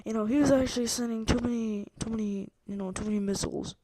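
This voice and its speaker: A woman's voice: a little high, fairly even intonation, fast, dark tone. A woman playing a news anchor in a make-believe broadcast, rambling through her story with lots of "basically" and "um" fillers. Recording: noisy background.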